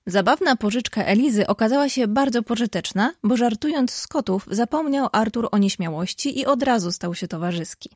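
A woman narrating a classic storybook as an audiobook reader, in a calm, even storytelling manner. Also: on the high side, fairly quick, few pauses, no echo, studio quality.

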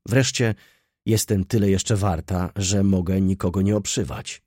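A man's voice: low-pitched, steady tone, measured pace, mellow, husky, no echo, clean studio sound. A man voicing a cynical, poor nineteen-year-old girl who talks in a pert, mocking, argumentative way. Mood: brash, chatty.

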